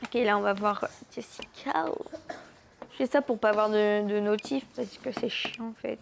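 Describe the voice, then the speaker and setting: A woman's voice: medium pitch, fairly even intonation, moderate pace, gravelly, noisy background. A woman casually reading a story game aloud and adding blunt, crude asides on a home computer mic. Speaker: gamer playing a story game. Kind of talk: casual let's-play commentary, reading game text aloud.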